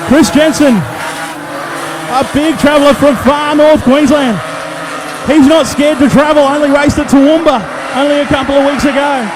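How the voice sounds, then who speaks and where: An Australian man calling a race as a motorsport commentator, excited, colloquial and punchy. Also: very high-pitched, moderate pace, noisy background. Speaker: speedway race commentator and trackside interviewer. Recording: loud race car engines behind the voice. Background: race cars, engines and tyre squeal.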